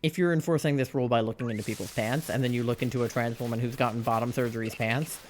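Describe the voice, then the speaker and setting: Speaking fast in a steady, medium-pitched voice, a young man live-streams a game and chats casually, with slight background noise behind him. His talk rambles candidly, full of "like" fillers and fed-up rhetorical questions.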